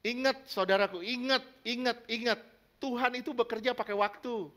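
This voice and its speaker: A man preaches with a high voice, stressing his points and checking with his listeners. He acts out small scenes as examples. His tone is bright and forward. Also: steady tone, moderate pace. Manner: emphatic, asks the congregation questions, acts out little scenes. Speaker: pastor. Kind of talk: sermon.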